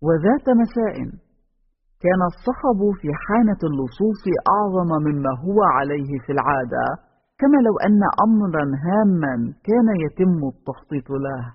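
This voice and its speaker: A man reading a novel aloud in a steady narrating voice, voicing each character himself. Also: sits high, fairly quick, a little hiss or hum. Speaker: audiobook reader. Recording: dull home recording with long reverb.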